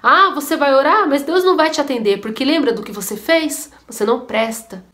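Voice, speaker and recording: A woman's voice: high voice, fairly quick, fairly bright tone. A woman voicing Satan as a scornful accuser.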